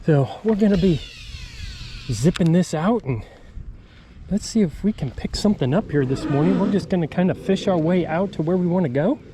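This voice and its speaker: A man's voice: sits high, moderate pace, a little hiss or hum. Chatty man fishing from a kayak. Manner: relaxed, chatty, frequent ums and uhs. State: a little out of breath from pedaling. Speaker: fishing channel host. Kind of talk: casual outdoor vlog talk. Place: kayak on a tidal creek outdoors.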